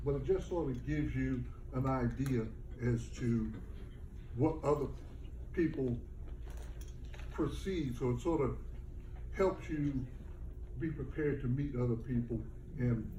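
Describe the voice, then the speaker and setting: Male audience member, mellow tone, halting delivery, echoey room. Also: mid-range voice, slight background noise. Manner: halting, rephrasing as he goes. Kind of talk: question-and-answer remarks. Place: book launch event room. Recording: roomy sound, mic far off.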